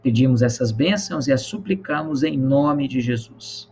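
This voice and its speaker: A man hosting an online church program, praying and greeting viewers in an earnest, measured way with many pauses. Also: mid-range voice, animated, a little mellow, lo-fi sound, a little hiss or hum. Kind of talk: prayer and live-stream hosting.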